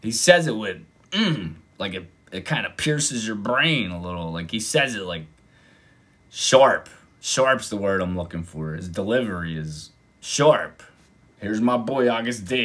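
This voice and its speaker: Excitable man reacting to music. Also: on the low side. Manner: excitable, exclaims and breaks into mock voices. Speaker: reaction video host. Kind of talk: casual reaction commentary.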